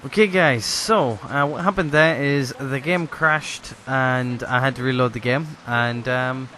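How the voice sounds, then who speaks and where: A man's voice: medium pitch, unhurried, pushed and bright, a little hiss or hum. A man rambling through let's play commentary with many fillers, hiccuping and a tired voice. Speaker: gaming YouTuber.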